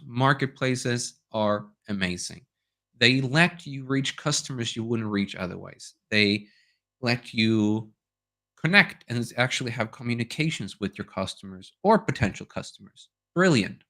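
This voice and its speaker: A man's voice: medium pitch, lively intonation, a little slow, sharp tone. A man from Sweden, a native Swedish speaker, giving a conversational webinar talk and telling anecdotes, often checking in with "right?". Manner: conversational, tells anecdotes, tags questions with "right?". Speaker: guest speaker on domains. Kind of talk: webinar presentation.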